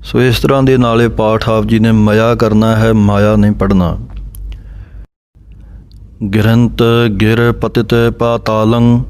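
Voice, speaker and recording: A man teaching how to recite scripture verses, chanting each line slowly and then spelling out letters and pauses. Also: lowish voice, little pitch movement, darkish tone, clear, resonant tone. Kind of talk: recitation lesson on Sikh scripture pronunciation.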